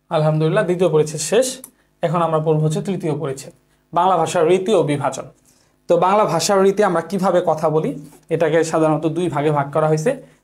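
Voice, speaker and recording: A male teacher with a high voice gives an online exam-prep lecture. He asks the class questions and answers them himself, repeats key points, and mixes in English words.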